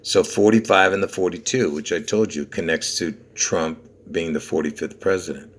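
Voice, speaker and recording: A man's voice: sits low, steady tone, normal speed. A man from Lebanon hosting a video, walking viewers through numbers in a rambling, insistent way, often checking "okay?" and "you see?". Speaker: video host. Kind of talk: conspiracy numerology video walkthrough.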